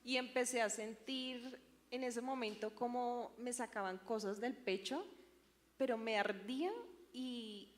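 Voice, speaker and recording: A woman's voice: fairly high pitch, long reverb tail. A young woman, sharing a personal church testimony in a hesitant way with many fillers. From Colombia. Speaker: church member giving testimony.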